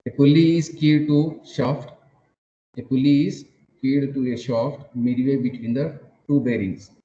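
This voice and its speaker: A man lecturing an online engineering class, captured as a screen recording, talking haltingly with repeated phrases and "uh" fillers. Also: medium pitch, warm tone. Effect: screen-recorded online class audio. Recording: dull lo-fi roomy sound with faint noise.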